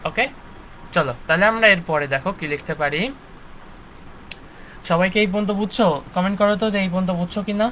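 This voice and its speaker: A young physics instructor teaches a live online lecture, checking in with students after nearly every point with "ঠিক আছে?" and "okay". His high voice is fast, pushed and bright, pausing often. The poor audio has a little hiss or hum.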